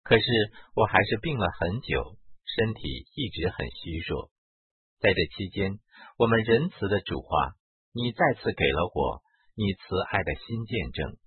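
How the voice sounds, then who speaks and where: A man narrating a spiritual autobiography in a slow, reverent, measured reading style. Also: deep voice, very animated, breathy edge, dry recording. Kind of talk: solemn devotional reading. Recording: dry, phone-like narrow band.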